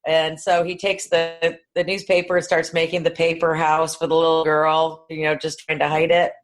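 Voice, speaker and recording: A woman co-hosting a podcast rambles bluntly and informally through a casual film discussion. Her voice is low and monotone, at a moderate pace.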